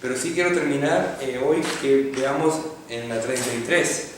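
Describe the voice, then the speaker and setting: A man's voice: mid-range voice, moderate pace. A man teaching a Hebrew grammar class, patiently explaining step by step and checking in with students. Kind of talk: classroom lecture. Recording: echoey classroom from far off, faint noise.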